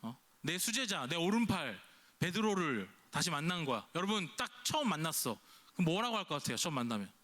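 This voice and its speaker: A man's voice: fairly high pitch, big pitch swings, brisk, fairly bright tone. A male pastor giving a youth service sermon, chatty and questioning, often quoting imagined speech in character. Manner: conversational preaching, keeps asking the congregation questions; acts out imagined lines in a quoted voice.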